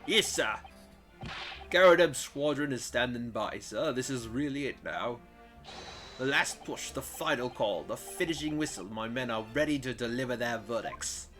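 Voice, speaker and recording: A man's voice: medium pitch, animated, moderate pace, a bit bright, faint music behind, close to an everyday voice. A man doing a solemn, dramatic jury foreman. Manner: formal, dramatic.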